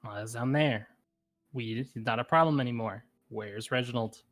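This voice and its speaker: A man's voice: medium pitch, moderate pace. Man playing a tabletop game, urgent. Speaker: player. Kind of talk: casual tabletop game play.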